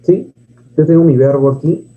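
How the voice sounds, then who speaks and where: A man's voice: on the high side, normal speed. A man teaching a grammar lesson, who asks and answers his own questions and reads poems aloud. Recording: dull lo-fi sound.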